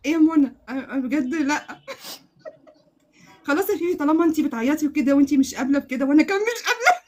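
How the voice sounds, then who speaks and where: Excitable Egyptian woman hosting a live stream. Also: high voice, very fast. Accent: Egyptian Arabic. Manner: excitable, swears oaths, laughs often. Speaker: crochet channel host. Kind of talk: live-stream giveaway chat.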